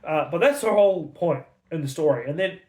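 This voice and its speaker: A man's voice: fairly high pitch, animated, brisk, darkish tone, reverberant. A man giving a casual, angry, sarcastic book review full of swearing.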